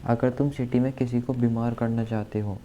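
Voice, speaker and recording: This exam vocabulary lesson is led by a man whose medium-pitched voice is steady, dark in tone, and moderately paced. He spells each word out letter by letter, repeats key words, and explains memory tricks; the sound is lo-fi with faint background noise.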